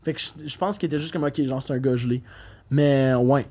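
A man's voice: medium pitch, a little fast, a little mellow. A young man with a Québécois accent, a podcast guest telling a story in a casual, slangy way full of fillers. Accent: Québécois French.

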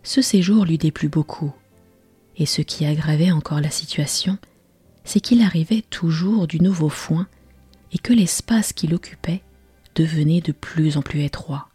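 A woman storyteller narrating a bedtime fairy tale as a whispered role-play, slow and hushed. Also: low voice, breathy edge, no echo, faint music behind.

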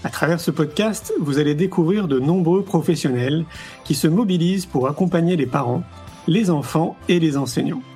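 A man hosting a podcast, reading a measured, scripted introduction over soft music. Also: on the high side. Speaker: podcast host.

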